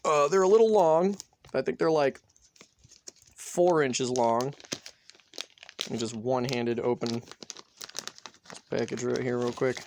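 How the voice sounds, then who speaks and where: A man's voice: medium pitch, takes it slowly, pauses often, a little mellow, slight background noise. A man vlogging casually at home, rambling in an offhand way and swearing freely. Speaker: gun vlogger. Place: indoors at home, near a bed.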